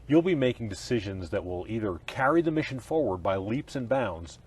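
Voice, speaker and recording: A middle-aged man, a pastor, giving a scripted leadership lesson outdoors at ball fields in an earnest, expressive manner. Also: medium pitch, slightly rough. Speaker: pastor teaching a leadership course. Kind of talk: scripted teaching session.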